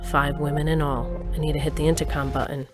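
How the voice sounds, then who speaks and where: In scripted first-person narration for an audio drama, a woman plays a plain-spoken, dryly humorous older narrator recounting her adventures. Her low, natural voice is flat and fast, with music in the background.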